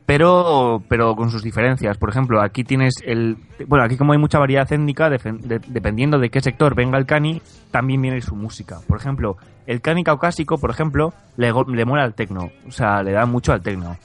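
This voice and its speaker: Man from Spain, comic podcast host, rambling jokey delivery, mid pitch, faint music under. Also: a little fast, hardly any pauses. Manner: rambling, joking, laughs often. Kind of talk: comedic casual chat.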